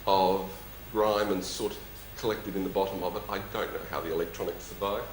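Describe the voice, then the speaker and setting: Soft music plays beneath a low-pitched male voice, a little fast and fairly even in intonation. He's a jovial, dryly humorous executive with a lisp, answering audience questions emphatically. The space sounds echoey, with faint noise behind.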